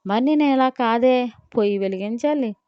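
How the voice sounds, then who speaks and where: A woman's voice: on the high side, moderate pace, clear, resonant tone, dry recording, natural voice. A woman voicing a teasing, brash young man in love, in mocking playful banter, recorded on slightly dull audio.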